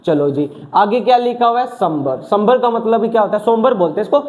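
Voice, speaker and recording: High-voiced man teaching vocabulary. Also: fairly quick. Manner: lively, asks students questions and answers himself. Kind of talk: exam coaching lesson.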